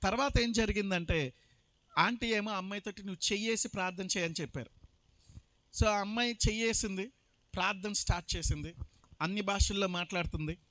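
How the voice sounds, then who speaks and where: High-voiced pastor. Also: male voice, a little fast, sharp tone, no echo. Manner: emphatic, mixes in English phrases. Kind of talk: sermon testimony.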